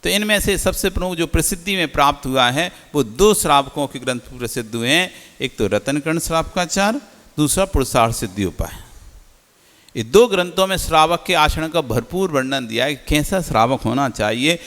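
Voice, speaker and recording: A man's voice: a little high, animated, normal speed, fairly bright tone, long reverb tail. A man, a Jain monk, giving a teacherly sermon and often putting questions to his listeners. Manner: rhetorical questions to the audience, teacherly.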